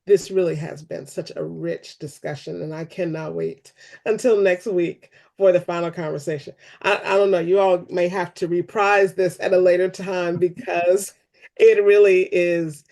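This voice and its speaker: A woman hosting a church discussion, speaking unscripted closing remarks in an earnest, appreciative and measured manner. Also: fairly low pitch, steady tone, vocal fry, warm tone. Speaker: host of a church webinar.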